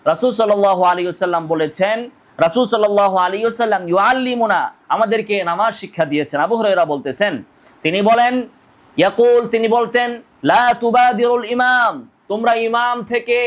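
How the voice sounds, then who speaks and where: A man's voice: sits high, a bit bright. A man giving a religious lecture, reciting Arabic hadith lines and then translating them, pressing his listeners with rhetorical questions. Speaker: mufti and Islamic preacher. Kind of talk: religious lecture on prayer rulings.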